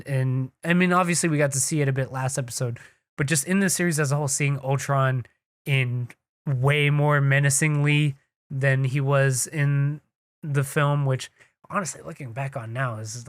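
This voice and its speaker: Young male podcast co-host, excitable, cursing, dry close sound. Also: medium pitch, no echo. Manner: excitable, swears freely, talks in quick bursts. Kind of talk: casual chat. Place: home studio. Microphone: desk mic on a live stream.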